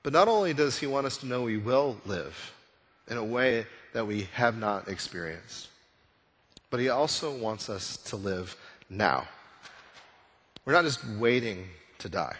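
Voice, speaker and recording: A man's voice: mid-range voice, lively intonation, a little slow, fairly bright tone. A male pastor preaching a conversational sermon, full of rhetorical questions. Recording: long reverb of a church hall.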